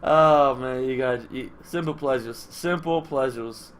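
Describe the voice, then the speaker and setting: A man with a congested, stuffy-nosed, nasal voice of medium pitch hosts a gaming video, speaking a little slowly as he muses aloud in casual, rambling commentary. Background noise is clearly audible on his mic.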